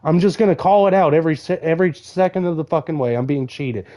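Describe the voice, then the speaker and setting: A man's voice: fairly high pitch, fast, warm tone. Angry, swearing young man ranting on stream. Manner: angry swearing rant, frustrated. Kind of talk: live game-stream commentary.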